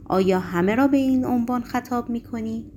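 A woman's voice: a little high, mellow, a little hiss or hum, pitched above the performer's own voice, close to an everyday voice. A woman reading the part of a stern middle-aged male Roman governor, with a harsh, broken voice and cold, mocking questions.

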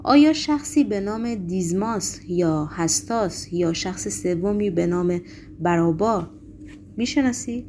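A woman's voice: medium pitch, animated, a little mellow, slight background noise, lightly acted. A woman reading the part of a stern middle-aged male Roman governor, with a harsh, broken voice and cold, mocking questions.

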